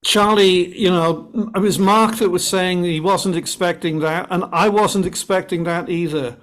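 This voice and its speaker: A man from Wales with a Welsh accent and a voice pitched a little high for a man. He talks with eager enthusiasm in a casual podcast chat and keeps restarting his sentences. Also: fairly even intonation, a little slow, a bit bright. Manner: enthusiastic, chatty with many restarts. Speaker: guest musician.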